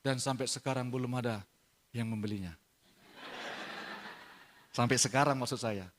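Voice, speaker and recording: A middle-aged man preaching a sermon as pastor, moving from soft, confiding storytelling to loud, emphatic proclamation. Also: medium pitch, normal speed, slight background noise.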